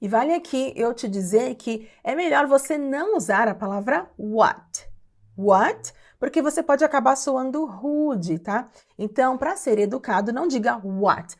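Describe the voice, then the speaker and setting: A woman with a Brazilian Portuguese accent teaching an English lesson, saying each English phrase slowly and spacing out the syllables. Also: on the high side. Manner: slow and clearly spaced, repeating English phrases syllable by syllable. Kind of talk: online language lesson.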